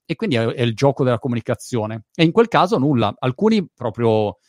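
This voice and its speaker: A man's voice: mid-range voice, very animated, a little fast, a little mellow, dry recording, studio quality. A man talking frankly in a casual conversation as a video creator, with informal swearing and a plain everyday delivery. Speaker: YouTuber guest.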